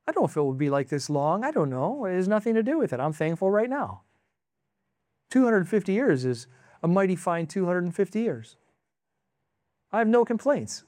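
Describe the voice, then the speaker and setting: A preacher delivering a sermon in an emphatic way, tossing in short exclaiming asides between points. The voice sits at a middling pitch. The sound is dry and close, with no room echo. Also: very animated, moderate pace, pauses often, darkish tone. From United States. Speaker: pastor.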